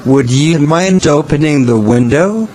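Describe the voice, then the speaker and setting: A man's voice: on the high side, animated, a little slow, dark tone, a little hiss or hum. A man asking simple scripted questions in a repeated language-practice dialogue.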